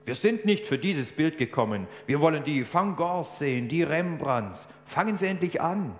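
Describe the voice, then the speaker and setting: A man voicing an impatient male bidder who loudly demands to see the masterpieces. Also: a little high, lively intonation, normal speed, voice pushed up, close to an everyday voice. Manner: protesting, demanding. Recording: echoey hall, faint hum.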